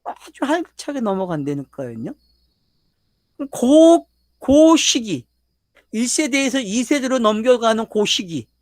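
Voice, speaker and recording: A man's voice: very high-pitched, very animated, takes it slowly, dry recording, clean studio sound. An older man preaching a Bible lecture, constantly questioning his listeners and pressing his points emphatically. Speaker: pastor. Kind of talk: sermon lecture.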